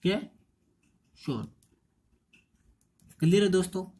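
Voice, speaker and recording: A man's voice: fairly high pitch, normal speed, a little mellow. An Indian man teaching an English transcription lesson, quizzing students with repeated rhetorical questions. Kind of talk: exam-prep lecture.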